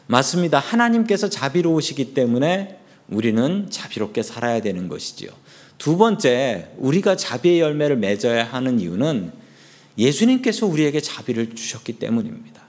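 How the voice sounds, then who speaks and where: A man's voice: a little high, darkish tone. A man preaching a sermon as pastor, fervent and raising his voice for emphasis.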